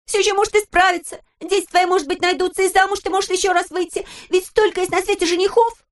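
A woman's voice: sits high, fast talker, pitched above the performer's own voice. A woman reading aloud, voicing a bold, impulsive, tender-hearted girl in exclamations that turn tearful. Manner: excited, emphatic, tearful exclamations.

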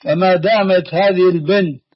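High-pitched man as a scholar on a call-in, firm, cross-questions callers, dry, dull old tape. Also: steady tone, normal speed, slightly rough, no echo. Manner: firm, presses with pointed questions. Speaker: religious scholar answering callers. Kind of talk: phone-in question and answer. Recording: muffled dry old recording.

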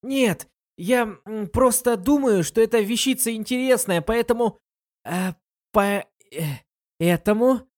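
A woman's voice: a little high, measured pace, darkish tone, voice pushed up, close to an everyday voice. A reader voicing a shy, stubborn young girl who gets flustered when teased, in a storybook reading. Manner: timid, flustered.

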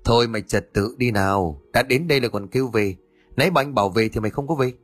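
A man's voice: mid-range voice, fast, no room sound, soft background music, close to an everyday voice. A man reading the part of a cocky older male cousin who talks brusquely and mockingly. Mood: bossy.

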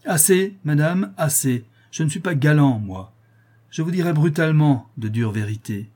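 Un lecteur jouant un notaire outré. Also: male voice, on the high side, expressive, moderate pace, warm tone, voice pushed up. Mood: harsh. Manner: outraged, declamatory. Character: indignant self-righteous middle-aged male notary.

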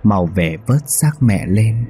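A man playing a slow sorrowful ghost father. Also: on the low side, animated, mellow.

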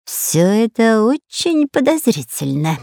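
A woman's voice: fairly high pitch, very animated, moderate pace, no echo, clean studio sound, pitched above the performer's own voice. A woman voicing a cowardly, long-nosed male spy in an audiobook, who stutters and whimpers with fear. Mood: suspicious. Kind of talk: audiobook character voice.

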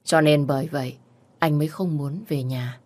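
A woman narrating a scripted romance story in a steady, even storytelling manner. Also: low voice, normal speed.

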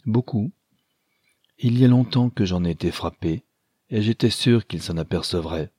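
A man voicing an earnest, gentle young woman who speaks warmly of her brother in an audiobook. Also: on the low side, moderate pace, breathy edge, no echo, studio quality. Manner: pleading, earnest. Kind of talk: audiobook character voice.

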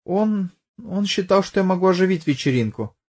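A man's voice: high-pitched, expressive, moderate pace, a little mellow, pitched above the performer's own voice. A man voicing an evasive young woman under questioning who flares up in anger, in an audiobook. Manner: evasive, hesitant, bursts out angrily.

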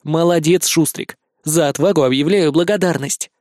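A man's voice: on the high side, moderate pace, darkish tone, no echo, studio quality, natural voice. A man voicing an eager young boy leader who gives firm, upbeat orders in a children's fantasy audiobook. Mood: commanding.

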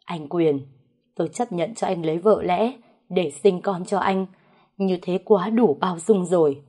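A woman's voice: on the low side, a little slow, mellow, slightly rough. A woman voicing a wronged, jealous young wife who screams curses and accuses through tears. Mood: bitter.

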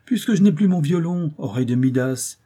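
A man's voice: medium pitch, moderate pace, dark tone, breathy edge, lightly acted. A man voicing a bold, cheeky poor kitchen boy in a storybook reading. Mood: eager. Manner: eager, cheeky.

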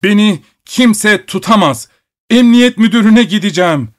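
Bir adamın canlandırdığı ağlamaklı, bağıran sarhoş müzisyen. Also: male voice, lively intonation, a little slow. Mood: tearful shouting. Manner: tearful, shrill shouting. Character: drunk distraught male musician, shouting.

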